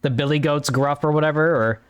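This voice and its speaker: A man's voice: on the high side, steady tone, brisk, smooth. A man streaming a story game, talking in a rambling, offhand way and swearing casually. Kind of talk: casual let's-play commentary.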